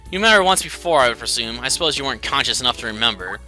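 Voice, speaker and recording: A man's voice: mid-range voice, expressive, racing, bright, forceful tone, soft background music. A man voicing a seductive female pixie succubus who talks in a formal, theatrical way. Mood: sly.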